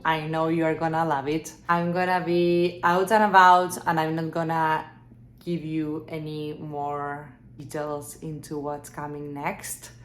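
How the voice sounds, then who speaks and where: A woman in her thirties talks through a get-to-know-me vlog at a slow, easy pace, upbeat and chatty. Her voice sits a little low. The room rings noticeably, and guitar music plays clearly underneath. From Argentina. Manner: chatty and upbeat, answers questions she reads out herself. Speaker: image consultant and stylist. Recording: roomy sound with guitar music behind.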